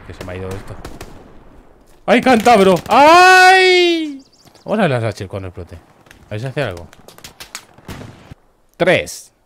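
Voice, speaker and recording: A man with a Murcian Spanish accent giving casual, crude, joking commentary over a shooter game, often bursting into loud yelps. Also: lowish voice, slight background noise. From Murcia, Spain. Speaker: gameplay commentator.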